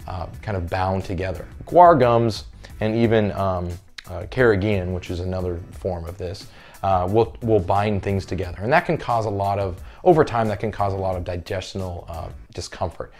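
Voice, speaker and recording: A man in his thirties with a fairly low voice teaches as a fitness coach, standing in a small carpeted room. He talks casually and keeps checking in with "okay?" and "all right?". Soft music sits faintly underneath. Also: moderate pace. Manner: conversational, frequent "all right?" check-ins. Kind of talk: casual talking-head lesson. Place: carpeted room with window blinds, indoors.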